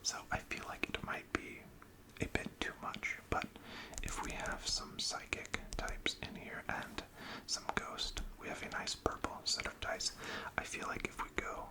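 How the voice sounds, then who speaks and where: A whispered role-play in a breathy, unvoiced whisper, as a gentle, attentive shop assistant encouraging a customer. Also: measured pace, low-quality recording. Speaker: ASMR performer playing a card shop assistant.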